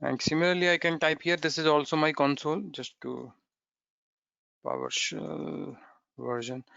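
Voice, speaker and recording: In a screen-recorded coding tutorial, a programming instructor walks through the code step by step, often asking "okay?" in non-native English. His slightly high voice is pushed and bright, with lively intonation, vocal fry, and normal speed. The audio is dull but has no echo.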